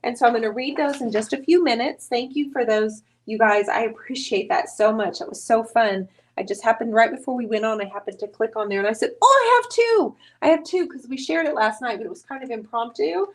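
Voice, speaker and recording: A woman's voice: fairly high pitch, fairly quick, few pauses. A woman hosting a live painting stream, chatting casually, greeting viewers by name and teasing her husband as she works.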